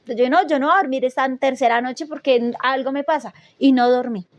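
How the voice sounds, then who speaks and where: A woman telling a frightening personal story in casual podcast talk, animated and full of restarts, acting out her own reactions. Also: high voice, a little fast, no room sound.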